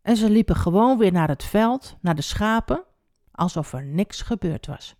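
A woman telling a Bible story to children, expressive and speaking directly to the young listener. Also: mid-range voice, moderate pace, no echo, clean studio sound.

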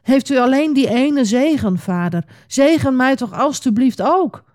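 A woman voicing a hot-tempered young male hunter, pleading and shouting in a storybook reading. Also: medium pitch, expressive, normal speed, dry recording, clean studio sound, natural voice. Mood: distraught.

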